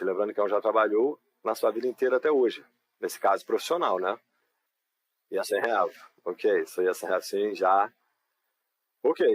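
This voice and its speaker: A man with a Brazilian Portuguese accent leads a live online English lesson. His voice sits fairly low and has a husky edge. He explains step by step in a patient, unhurried way and keeps checking that the class is following him. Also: low-quality recording. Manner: patient, explanatory, frequent tag questions. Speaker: English teacher.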